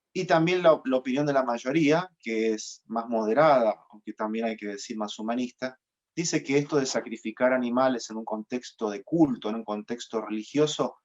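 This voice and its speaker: A man in the middle pitch range delivers a sermon as a pastor, explaining things step by step in a patient teaching tone. He often pauses on fillers. The recording sounds a little dull.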